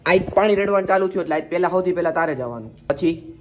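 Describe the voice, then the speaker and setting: A man's voice: sits high, expressive, quick pace, highs cut off, a little hiss or hum. A young man with a Gujarati accent, chatting casually to viewers in a vlog. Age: young adult. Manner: chatty, addresses viewers as guys. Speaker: vlogger.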